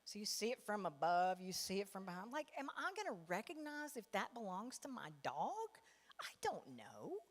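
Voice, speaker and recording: A woman's voice: mid-range voice, sing-song, moderate pace. A woman doing a stand-up comedy set, telling stories and acting out the people in them. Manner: storytelling, acts out characters with big voice swings. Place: church hall with a live audience. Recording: long reverb of a large hall.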